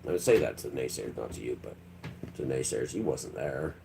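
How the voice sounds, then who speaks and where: A man's voice: extremely low pitch, lively intonation, fairly quick, gravelly, noisy background. A man hosting a live stream, rambling in a loose monologue and acting out quotes in mock voices. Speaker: livestream host.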